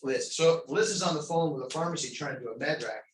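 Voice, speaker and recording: A man's voice: fairly high pitch, fast talker. A man teaching a crisis intervention class in a conversational, rambling way with lots of fillers. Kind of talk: classroom lecture. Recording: echoey training room, distant mic, faint noise.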